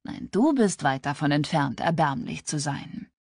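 Lady doing a calm practical girlfriend, soft and soothing, consoling. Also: mid-range voice, moderate pace, no echo, studio quality, voice pushed up. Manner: soothing, gentle. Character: calm, pragmatic, comforting woman friend.

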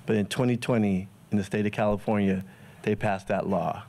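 A man giving a casual, thoughtful personal talk to an audience, pausing often with fillers. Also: lowish voice, steady tone, vocal fry, dark tone. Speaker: guest speaker.

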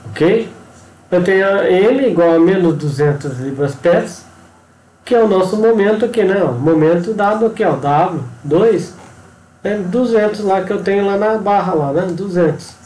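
A man's voice: high-pitched, moderate pace, a little mellow. Brazilian man explaining, echoey room. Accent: Brazilian Portuguese. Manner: explanatory, frequent tag questions and pointing words. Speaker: engineering instructor. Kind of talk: screen-recorded tutorial walkthrough.

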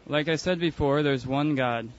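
A man on the street calmly and earnestly explaining his religious views in a debate. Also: on the high side, moderate pace, muffled recording. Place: outdoors on a city street.

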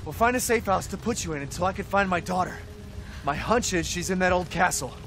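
A man's voice: high-pitched, expressive, a little fast. An actor voicing a desperate father who is searching for his daughter, urgent and strained. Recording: game audio over loud music.

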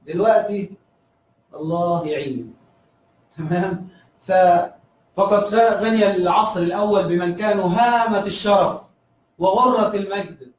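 A man's voice: high voice, reverberant, distant mic, low-quality recording. A man with an Egyptian Arabic accent teaching a review lesson, asking his students questions and answering them himself, repeating key terms.

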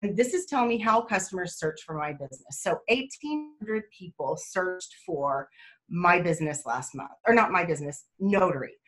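A woman's voice: lowish voice, expressive. Chatty woman on a video call. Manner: chatty, rambling, quick to laugh. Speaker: mobile notary guest speaker. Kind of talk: excited casual webinar talk.

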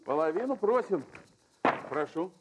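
A middle-aged man hosting a TV lottery draw as a bingo caller, calling numbers in a drawn-out, emphatic way. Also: a little high, animated. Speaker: lottery show host. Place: large TV game show studio with audience. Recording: noisy old TV studio recording with clicks.

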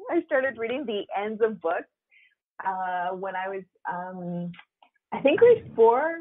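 A woman author chatting as an interview guest, telling stories and acting out quotes with big jumps in pitch. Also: big pitch swings, slow pace. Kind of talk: casual interview chat. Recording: tinny phone line.

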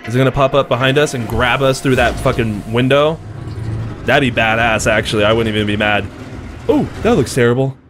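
A young man giving profane, excitable let's-play commentary, self-mocking and jumpy at scares. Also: mid-range voice, brisk, over music. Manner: excitable and profane, yelping in sudden alarm. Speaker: gaming video host.

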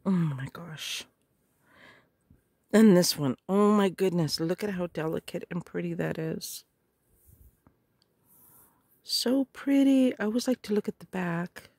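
A middle-aged woman, a little hoarse, chatting casually and gushing as she opens craft supplies. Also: on the low side, a little mellow, no room sound. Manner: gushing, slow and murmuring. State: hoarse, clearing her throat. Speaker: craft vlogger. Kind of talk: casual unboxing chat.

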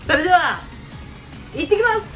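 A woman hosting a casual prank vlog in a giggly, excitable way, recorded on a phone in a small room. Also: very high-pitched, fairly quick, soft background music. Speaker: host.

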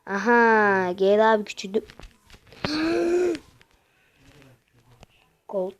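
A young woman giving casual gameplay commentary, talking straight to her viewers with frustrated, excitable outbursts. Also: on the high side, normal speed, slight background noise, low-quality recording.

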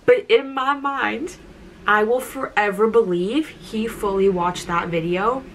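A woman's voice: medium pitch, takes it slowly, a little hiss or hum, low-quality recording. Gushing young woman vlogger. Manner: gushing, emotional, many "like"s. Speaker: YouTuber. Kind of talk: excited storytime vlog.

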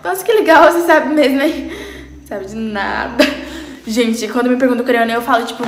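A teenage girl chatting casually as she reacts to memes, playful and dramatic, jumping into high squeals. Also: brisk. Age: teens. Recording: roomy echo.

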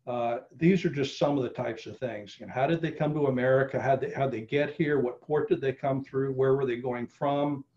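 A man's voice: medium pitch, steady tone, fairly quick, few pauses, a little mellow. A middle-aged man giving a casual online presentation, with many fillers and restarts, speaking over a video call. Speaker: genealogy presenter. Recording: slightly dull video call audio.

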